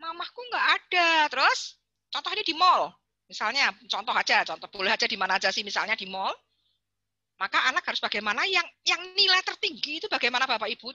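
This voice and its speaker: Woman, chatty playful webinar speaker, sharp bright tone, dry close sound. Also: high-pitched, no echo, muffled recording. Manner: chatty and playful, addresses the audience often and reads out chat answers. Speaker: psychologist giving a webinar talk to parents. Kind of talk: lively webinar talk.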